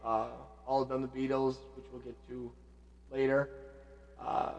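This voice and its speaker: A man hosting a vlog, reminiscing casually and reflectively, often trailing off quietly. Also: mid-range voice, level tone, a little slow, long reverb tail, highs cut off. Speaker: vlog host paying tribute to his father. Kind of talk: casual spoken reminiscing between songs.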